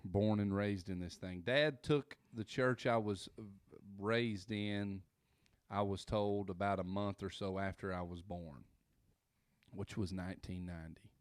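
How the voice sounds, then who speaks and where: Low-voiced pastor. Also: male voice, fairly even intonation, measured pace, no echo, clean studio sound. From South Central Kentucky. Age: 30s. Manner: easygoing, rambling, with fillers. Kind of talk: casual conversation. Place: indoor room by a window.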